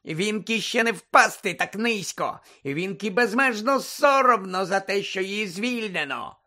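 A man voicing a shrill, loyal female house-elf. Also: animated, a little slow, bright, forceful tone, exaggerated voice. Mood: bitter. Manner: broken grammar, shrieking. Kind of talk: audiobook character voice.

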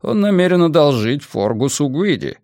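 A composed police commissioner explains things patiently and steadily, his voice only lightly raised above the narration and moving with lively intonation, as a male narrator puts him on. The sound is dry and close to the mic. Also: on the high side, normal speed, no room sound, pitched above the performer's own voice. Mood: calm. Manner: calm and explaining. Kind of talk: audiobook character voice.

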